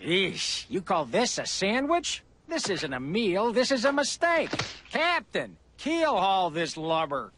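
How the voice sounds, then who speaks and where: A grumpy cartoon customer sneers in a high, lively voice. He drags his complaints out slowly. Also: slight background noise, exaggerated voice. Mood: disgusted.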